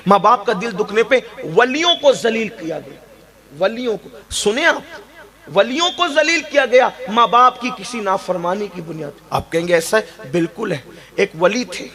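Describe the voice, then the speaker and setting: High-voiced emphatic male preacher. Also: a bit bright. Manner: emphatic, repeats key phrases. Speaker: Islamic preacher. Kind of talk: sermon with storytelling.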